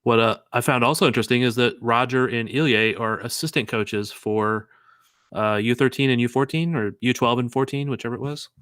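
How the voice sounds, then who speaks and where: A man co-hosting a casual sports podcast, talking in a chatty, stop-start way. His voice sits at an ordinary pitch. It is recorded close and dry, with no room sound. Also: a bit bright, clear, resonant tone, no echo. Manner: chatty, halting restarts. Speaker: podcast co-host. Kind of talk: casual chat.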